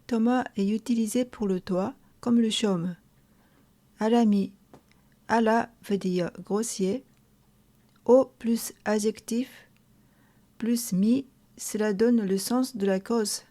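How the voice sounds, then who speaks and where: A woman teaching a lesson, explaining calmly and carefully step by step. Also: mid-range voice. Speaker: language teacher. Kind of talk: slow explanatory lesson narration.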